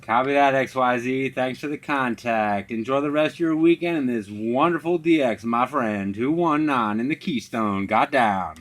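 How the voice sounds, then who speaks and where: With hardly a pause and at a moderate pace, a man on CB radio trades call signs and slang in clipped, repeating patter as he reaches other operators. His mid-range voice has a fairly bright tone, and radio static and noise fill the background.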